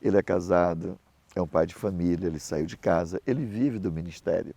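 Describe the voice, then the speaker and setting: A man's voice: sits low, a little fast, creaky, husky, no room sound. A middle-aged man, a pastor and missionary, preaching and telling anecdotes, acting out the people he quotes in his stories. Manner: animated storytelling, acts out other voices in quotes.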